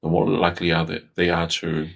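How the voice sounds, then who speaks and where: A man speaks in an easygoing, thoughtful podcast interview. His voice sits very low with a gravelly, husky edge. He circles back and repeats phrases as he works through an idea. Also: monotone, brisk, dull audio. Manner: thoughtful, reflective, repeats phrases while thinking. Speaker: guest. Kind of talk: casual conversational interview.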